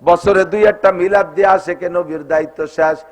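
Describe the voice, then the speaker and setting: A male preacher from Bangladesh, delivering an Islamic sermon that moves between slow chanted verse and impassioned preaching. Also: high-pitched, steady tone. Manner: chants verses in a slow singing tone, then shouts in climaxes. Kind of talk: sung and spoken Islamic sermon.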